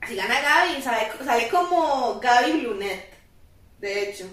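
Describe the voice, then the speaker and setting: A woman's voice: on the high side, animated, measured pace, fairly bright tone. A Costa Rican woman chatting casually and gigglily with friends as a podcast co-host, in slangy Spanglish sprinkled with English words. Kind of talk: casual chat among friends. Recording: echoey room, distant mic.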